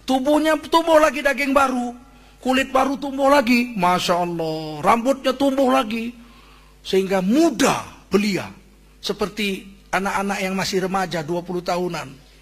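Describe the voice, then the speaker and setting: Raspy, gravelly male preacher telling a story. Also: high-pitched, normal speed. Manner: animated, emphatic storytelling with asides. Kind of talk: sermon storytelling.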